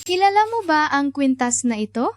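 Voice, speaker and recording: A high-pitched scheming captor. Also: female voice, animated, moderate pace, faint music behind. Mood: calm menace. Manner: cool, menacing, toying. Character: scheming cold young woman captor. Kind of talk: Tagalog drama dub.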